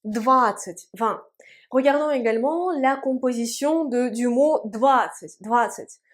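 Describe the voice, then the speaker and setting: A woman with a high voice gives a language lesson at a board. She speaks slowly and patiently, repeating each word so learners can follow. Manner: patient, drills words slowly and repeats them. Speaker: Russian language teacher. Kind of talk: video lesson. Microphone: writing on a board.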